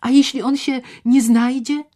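A poor, frightened young girl who pleads in rising, anxious tones, as a woman reads her in an audiobook. She speaks slowly, and her lines often sink into a fearful whisper. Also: on the high side, sing-song, pitched above the performer's own voice, heavily acted. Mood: pleading. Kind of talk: audiobook character reading.

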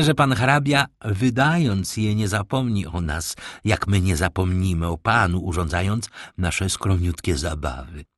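A man voicing a wily, flattering middle-aged banker baron in an audiobook reading. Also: lowish voice, no room sound, clean studio sound. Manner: unctuous, placating.

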